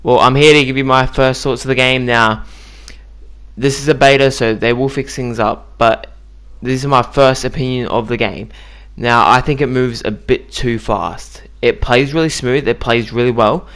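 A man's voice: mid-range voice, fairly even intonation, moderate pace, a bit bright, clear, resonant tone. A man giving casual, chatty commentary on a video game he just played, with lots of ums and likes. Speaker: gaming YouTuber.

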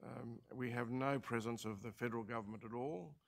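An older Australian man chairing a council meeting as administrator, speaking in a halting way with many fillers and restarts, into a desk mic in a large council chamber. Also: medium pitch, steady tone, vocal fry. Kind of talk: formal meeting remarks.

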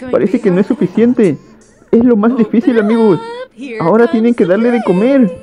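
A host reacting to an animated video, chatting casually, laughing often and crying out in mock dismay. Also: mid-range voice, normal speed, music in the background.

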